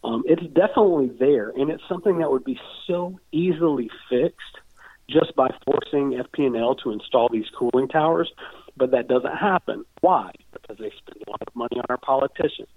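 A man's voice: medium pitch, brisk, breathy edge, no echo. A man, a political candidate, explaining earnestly with many fillers over glitchy, breaking-up call audio. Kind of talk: remote interview answer. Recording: thin dry phone-line sound.

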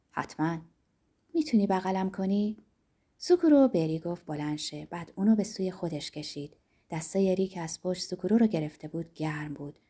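A woman reads a literary novel aloud in a soft, unhurried voice. Her tone is very dark and mellow, with a husky, breathy grain. Her phrases sink quietly at their ends. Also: fairly low pitch. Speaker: audiobook narrator. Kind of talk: scripted narration.

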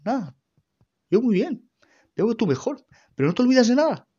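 Man voicing a frail scolding old mother, high-pitched, sharp, husky. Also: sing-song, moderate pace, lo-fi sound, exaggerated voice.

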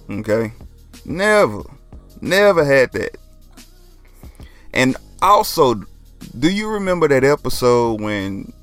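A man's voice: medium pitch, a bit bright. A young man, talking casually as a podcast host, laid-back and joking, often dropping "man". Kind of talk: casual solo podcast talk.

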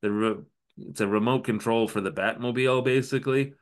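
With a brisk, mid-range voice, a man co-hosts a podcast where he recaps an old TV episode in a relaxed, sarcastic chat. He walks through the scenes with quoted asides.

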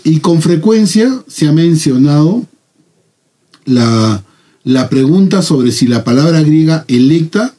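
A man with a Peruvian Spanish accent leading a Bible study, talking in a measured, earnest way with pauses and fillers. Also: medium pitch, mellow. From Peru.

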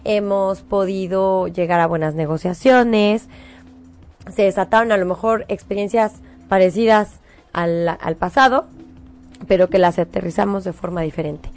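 A middle-aged Mexican woman, a show host, giving spiritual advice in a coaxing, animated way. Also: mid-range voice, normal speed, soft background music. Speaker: host giving angel predictions.

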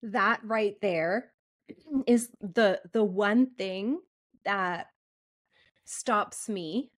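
A woman's voice: medium pitch, very slow. A woman co-hosting a podcast, speaking in a candid, frank way. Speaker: podcast co-host. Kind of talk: casual podcast conversation.

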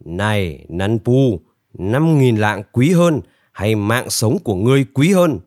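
Man playing a gruff bandit warrior, commanding, menacing, storybook voice, dry sound. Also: lowish voice, animated, slow pace, a little mellow, no room sound. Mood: threatening. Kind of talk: storybook character voice.

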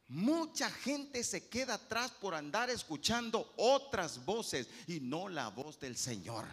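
A male pastor, preaching an animated sermon and acting out the voices he quotes. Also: high-pitched, slow pace, breathy edge. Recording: long hall reverb.

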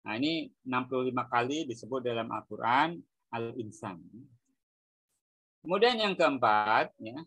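A man's voice: medium pitch, a bit bright, dry recording. Male Islamic teacher, dry close sound, lectures a congregation and quizzes them with questions. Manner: asks the audience questions and answers them himself; recites Arabic verses slowly.

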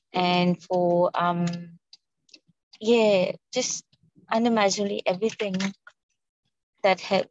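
Low-toned, even-voiced woman giving testimony. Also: gravelly, no echo. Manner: devout, thankful. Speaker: prayer group member giving testimony. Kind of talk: informal spoken testimony. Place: online group call. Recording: dull, muffled call audio.

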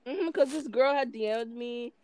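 A woman's voice: a little high, normal speed, warm tone, dry recording. A young woman co-hosting a podcast, chatting casually in a playful, dramatic way. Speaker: podcast co-host. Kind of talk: casual chat.

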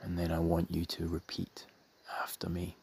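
A man softly leading a guided meditation in a breathy, soothing half-whisper, with measured phrases and long pauses. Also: sits low, monotone.

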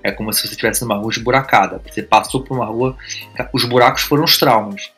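A man's voice: mid-range voice, fairly even intonation, fast talker, fairly bright tone, faint music behind. A man, co-hosting a podcast, supportive and explaining things with everyday comparisons. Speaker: podcast co-host. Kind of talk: casual podcast chat.

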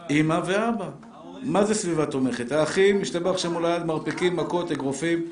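Middle-aged male rabbi, slightly high voice, lively lecturing manner, live audience, roomy echo. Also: a crowd in the background. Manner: lively, talks straight to listeners with rhetorical questions. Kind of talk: live Torah lesson to an audience. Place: lecture room with a seated audience. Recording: roomy echoing room.

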